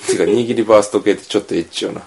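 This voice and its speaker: A man's voice: lowish voice, fairly even intonation, very fast, a little mellow, breathy edge. A man with a Kansai Japanese accent hosting a casual late-night podcast, rambling and a little drunk. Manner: tipsy, rambling. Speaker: podcast host.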